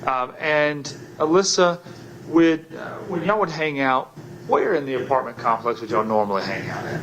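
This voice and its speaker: A man questioning a witness as an attorney, in a halting, folksy, courteous and conversational way. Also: mid-range voice, a bit bright. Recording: roomy, distant, noisy courtroom pickup.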